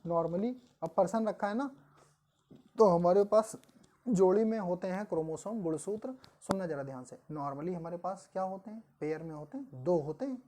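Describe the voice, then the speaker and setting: A woman teaching biology for an exam-prep class, reading English definitions slowly and explaining them in Hindi, asking the class questions and answering them herself. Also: on the low side, expressive, dark tone, slight background noise. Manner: addresses students as "beta". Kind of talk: online coaching lecture in Hindi mixed with English terms.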